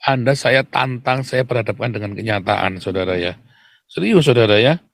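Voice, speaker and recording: A man preaching to an audience in a provocative, confrontational way, firing questions at his listeners and answering them himself, with loud emphatic bursts and low mutters. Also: moderate pace, gravelly, no room sound, studio quality. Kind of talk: preaching monologue.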